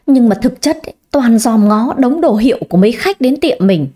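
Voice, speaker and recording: Woman narrator doing a tattling young shopgirl, high and mellow, for an audio story. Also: fairly quick. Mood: gossipy. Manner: chatty, tattling, excitable. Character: young gossipy female shop employee.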